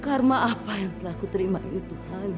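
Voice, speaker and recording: A woman's voice: mid-range voice, quick pace, over loud music, natural voice. An actress playing a distraught middle-aged mother who scolds her grown son and then despairs. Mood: despairing. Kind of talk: TV drama acting.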